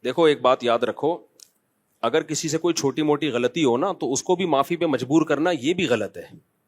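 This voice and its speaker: A middle-aged man, a mufti answering questions from the public in a conversational, scolding manner with joking asides. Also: a little high. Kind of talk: public Q&A talk.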